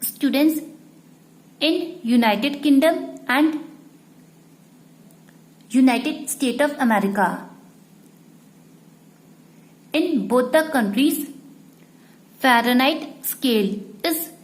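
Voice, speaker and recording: Female teacher, high voice, slow deliberate classroom delivery, repeats points for students.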